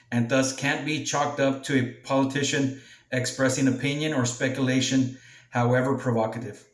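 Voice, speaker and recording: A man reading a news article aloud as a commentator, halting now and then as he stumbles over words. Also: medium pitch. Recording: echoey room, distant from mic.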